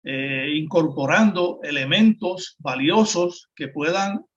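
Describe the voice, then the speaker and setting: A man's voice: fairly high pitch, slow. A man with a Puerto Rican accent hosting a political discussion, agreeing with the guest and speaking formally for his group. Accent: Puerto Rican Spanish. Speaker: host. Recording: dull lo-fi sound.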